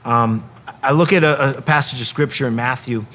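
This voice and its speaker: A middle-aged wrestling coach gives an earnest devotional talk in a medium-pitched, slightly bright voice at normal speed. His speech is full of ums and restarts, and he sometimes acts out the voices of the people he quotes.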